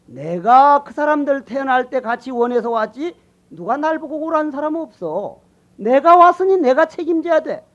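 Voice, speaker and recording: High-voiced older monk preaching, lo-fi. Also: male voice. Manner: colloquial, teasing and emphatic, swings between loud calls and quiet asides. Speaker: Buddhist monk giving a dharma talk. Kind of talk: sermon. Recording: dull lo-fi sermon recording.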